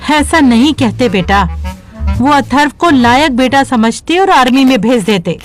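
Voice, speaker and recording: A woman voicing a caring, practical middle-aged mother who reasons gently with her son. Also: sits high, animated, a little slow, faint music behind. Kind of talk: audio story dialogue.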